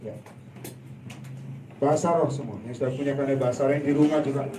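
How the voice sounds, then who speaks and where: A man preaching a sermon in a church hall, telling a story with laughter and sudden loud outbursts. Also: medium pitch, steady tone, quick pace, a crowd in the background. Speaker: evangelist preacher. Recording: echoey hall, voice from a distance.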